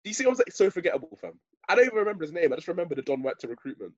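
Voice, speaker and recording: A young man speaks in a London roadman accent, swinging animatedly through his slang. His voice is husky and a little high, on a dry, muffled recording. It is casual, matey podcast banter. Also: sing-song, very fast, no echo. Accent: London roadman, urban British slang. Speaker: podcast co-host.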